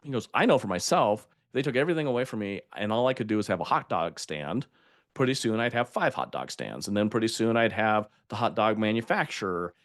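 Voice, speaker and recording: Older man telling stories, low voice. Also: no room sound, studio quality. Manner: storytelling, emphatic, laughs at himself. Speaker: podcast guest. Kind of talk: conversational interview.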